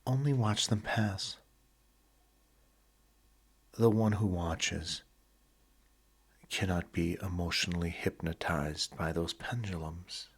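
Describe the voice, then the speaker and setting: In a low, husky, breathy voice, a man leads listeners through sleep hypnosis, slow and deliberate, soothing, pausing briefly between phrases. There's a slight hiss or hum in the sound.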